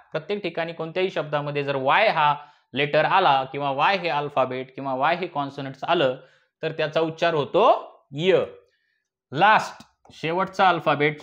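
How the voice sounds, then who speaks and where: A man's voice: a little high, fairly bright tone, dull audio. A male teacher with a Marathi accent giving a phonics lesson, spelling words out letter by letter and asking and answering his own questions.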